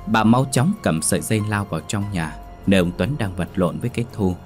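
A man's voice: deep voice, brisk. A man narrating a horror story dramatically. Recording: faint music behind.

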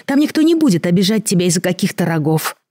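A woman doing a calm, matter-of-fact girl. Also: on the low side, fast talker, no room sound, clean studio sound, pitched above the performer's own voice. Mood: soothing. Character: calm, practical girl with a bow.

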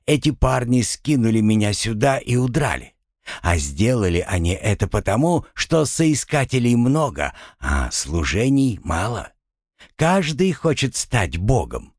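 A man's voice: medium pitch, big pitch swings, a little slow, darkish tone, dry recording, clean studio sound, pitched above the performer's own voice. A man doing a grumbling drowned spirit. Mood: aggrieved. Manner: complaining, exasperated. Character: drowned man's spirit, grumbling, self-pitying, wry. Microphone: close studio mic.

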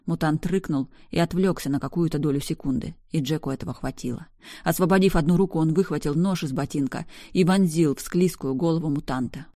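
Female narrator, low dark voice, dry close sound, intense story reading. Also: brisk, no room sound. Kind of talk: first-person story reading.

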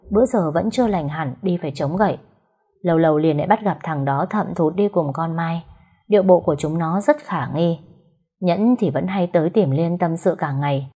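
Husky woman narrator. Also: lowish voice. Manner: steady storytelling. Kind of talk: audio story narration.

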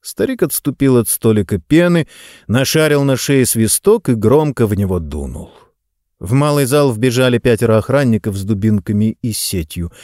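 A man narrating an audiobook in an expressive storytelling manner. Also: medium pitch, no echo, studio quality. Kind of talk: scripted narration.

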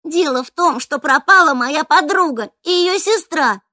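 A woman voicing a worried, indignant young girl who speaks high and protesting. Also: expressive, bright, forceful tone, dry recording, clean studio sound. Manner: high-pitched, quick to protest.

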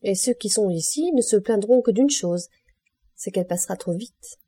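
A woman voicing an elegant, gracious countess in an audiobook, speaking with lively, raised tones. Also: medium pitch, normal speed, slightly rough, no echo, studio quality. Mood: playful.

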